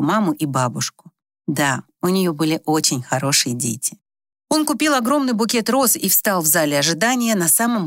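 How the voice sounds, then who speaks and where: Expressive woman narrating an audiobook. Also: lowish voice, no room sound, studio quality. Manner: expressive, measured storytelling.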